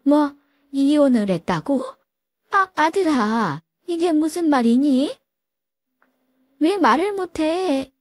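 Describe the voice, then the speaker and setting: A woman's voice: sits high, expressive, slow, pauses often, a little mellow, no echo, clean studio sound, voice pushed up. A woman voicing a scheming older mother-in-law who wails and pleads melodramatically in a storybook tale. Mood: shocked. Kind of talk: storybook role-play.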